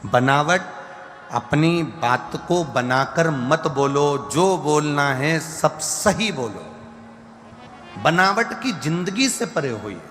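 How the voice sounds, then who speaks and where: A man preaching a devotional sermon from central India, slow and repetitive, building his points through lists. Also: fairly high pitch, expressive, a bit bright. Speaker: religious storyteller. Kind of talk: devotional sermon with sung verses. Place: large live gathering hall. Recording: long hall reverb with faint music.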